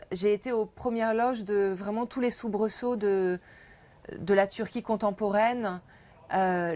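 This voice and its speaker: A middle-aged woman from France, an author and journalist, talking about her book in a reflective, measured way at a bookshop event. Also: mid-range voice, a little mellow.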